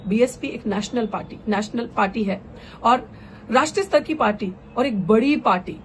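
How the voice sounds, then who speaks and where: Young woman candidate, rousing and fervent, slightly high pitch, code-switching speech. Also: moderate pace, slight background noise. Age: young adult. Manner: fervent, rousing, mixes English phrases into Hindi. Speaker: political candidate and activist. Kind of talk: impassioned political speech.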